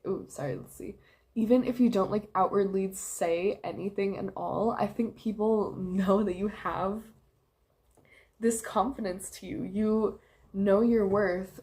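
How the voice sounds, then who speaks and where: A young woman gives a casual tarot reading straight to camera. She talks in a chatty, giggly way, full of "like" and "um." Her pitch sits in an ordinary middle range. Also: darkish tone. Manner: chatty, giggly, filler-heavy. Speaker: tarot reader.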